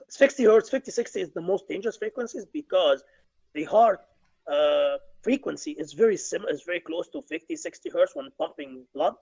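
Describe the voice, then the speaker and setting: Engineer on a dull video call, higher voice with gravelly fry, restarts often. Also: male voice, darkish tone. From Egypt. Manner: explanatory, many restarts and fillers. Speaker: guest engineer. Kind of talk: webinar discussion. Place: home office.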